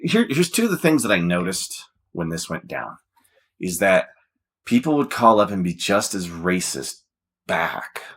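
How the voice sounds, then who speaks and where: A man's voice: low-pitched, sing-song, measured pace, a bit bright, breathy edge. A man hosting a casual podcast chat, making his points emphatically and often checking for agreement. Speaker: podcast host.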